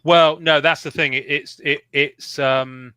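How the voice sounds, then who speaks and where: A British man hosts a loose panel chat over a call, his voice bright and forward. He teases his guests with wry asides and pads his talk with fillers. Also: a little high, fairly even intonation, a little slow, clean tone, no echo. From United Kingdom. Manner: wry, teasing, with frequent fillers. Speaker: podcast host.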